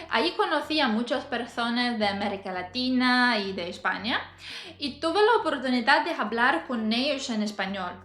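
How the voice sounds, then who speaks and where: A woman in her thirties vlogs casually to camera, laughing often between hesitant fillers. Her voice sits high, pushed and bright. The room is echoey, with faint music in the background.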